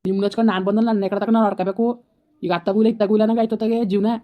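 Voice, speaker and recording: Fast, scolding village woman, as a woman acts her out. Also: fairly high pitch, fairly even intonation, dull audio, natural voice. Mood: quarrelling. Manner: scolding, rapid-fire, cursing. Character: quarrelsome rural woman in a family feud. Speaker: actor in a village family skit. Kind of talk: amateur comedy skit acting.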